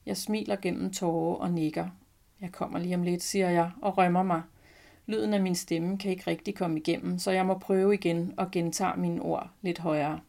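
Woman narrator, low voice, calm and reflective first-person story reading. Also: creaky.

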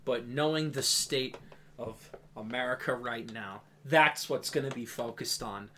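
A young man co-hosting a casual podcast chat, sarcastic and quick to laugh, with lots of "like" fillers. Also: medium pitch, bright, forceful tone, a little hiss or hum. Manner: laughs often, sarcastic asides, many "like" fillers. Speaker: podcast co-host.

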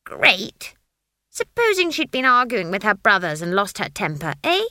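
A woman voicing a sharp-tongued, stubborn old witch who scolds with indignation. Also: mid-range voice, big pitch swings, normal speed, dry recording, studio quality. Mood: indignant.

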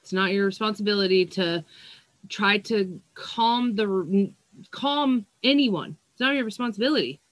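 A woman's voice: mid-range voice, measured pace, no room sound. A woman healer giving a casual oracle card reading to her viewers, blunt and profane, yawning and sighing, stumbling over words as she reads the card text. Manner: blunt and profane, with frequent yawns and sighs.

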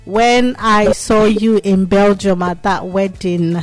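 A woman with a Nigerian accent hosting a casual interview, chatty and quick to laugh, mixing Pidgin phrases into her English. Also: mid-range voice, faint music behind. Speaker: interview host.

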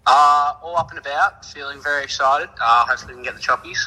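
A man's voice: a little high, fast, sharp tone, in a large hall, poor audio. An Australian man, a club cricketer on a call, chatting casually in a slangy, blokey way like an Aussie tradie. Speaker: club cricketer phoning in as interview guest. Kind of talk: casual, laid-back Aussie bloke chat.

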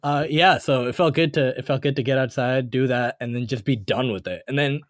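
A man's voice: mid-range voice, fairly quick, dry recording, studio quality. A man co-hosting a podcast in casual chat, talking in a slangy, rambling way. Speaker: podcast co-host.

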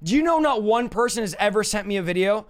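A man with a hoarse, raspy voice worn out from yelling, preaching in an emphatic, combative and informal way on a livestream. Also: high voice, animated, fast. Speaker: preacher and deliverance minister. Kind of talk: livestreamed sermon, informal teaching.

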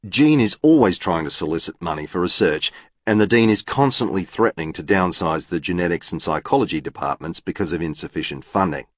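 Deep, dry, deadpan male narrator. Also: fairly quick, no room sound. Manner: precise, formal and deadpan. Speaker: audiobook narrator. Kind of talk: first-person novel narration.

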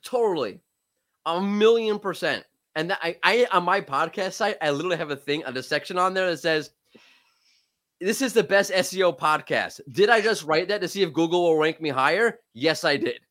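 With a high, animated, fairly bright voice, a man in his late thirties who is nursing a cold speaks as an SEO expert guest on a podcast. His voice cracks as he talks quickly and emphatically in a casual exchange, frequently backing up to start sentences again.

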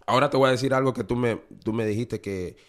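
In New Orleans, a man gives an earnest, confessional testimony on a podcast, often repeating his phrases. His voice is mid-range and fast.

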